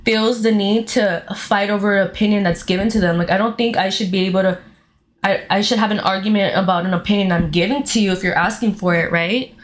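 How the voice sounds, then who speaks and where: Blunt, loud-talking young woman host. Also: medium pitch, fairly even intonation, brisk. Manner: blunt, loud, swears a lot. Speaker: podcast host. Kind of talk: casual chat.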